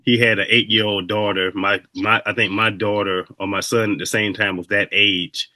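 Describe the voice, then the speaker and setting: A man's voice: lowish voice, level tone, moderate pace, sharp tone, no room sound. A man hosting a casual interview, telling his own stories in a reflective, conversational way. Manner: reflective, conversational, loose storytelling. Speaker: host.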